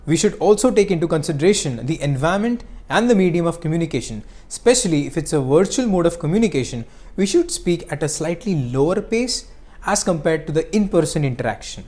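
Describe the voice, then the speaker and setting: A teacher giving scripted narration on speaking skills, explaining clearly and acting out short examples. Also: mid-range voice, animated, brisk, a little mellow.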